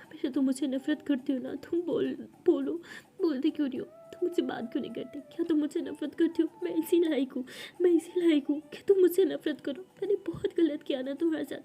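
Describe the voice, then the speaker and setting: A woman's voice: high-pitched, fairly quick, mellow. A woman voicing a remorseful middle-aged mother who pleads through tears in a spoken storybook. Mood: tearful pleading. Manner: tearful pleading, sobbing.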